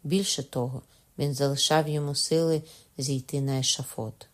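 A woman narrating a classic novel in a steady, even storytelling voice. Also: rumbling low, moderate pace. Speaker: audiobook narrator. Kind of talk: scripted narration.

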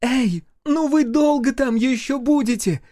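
A man's voice: high-pitched, moderate pace, warm tone, dry recording, clean studio sound, voice pushed up, lightly acted. Impatient tough wife, as a man puts her on. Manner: impatient, snappy. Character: impatient, tough young wife, armed and edgy.

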